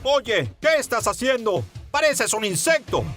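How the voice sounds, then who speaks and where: A man's voice: high-pitched, expressive, normal speed, bright, forceful tone, faint music behind, voice pushed up. A man voicing a cruel, arrogant male alien tyrant who sneers and hurls insults at his enemies. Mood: sneering.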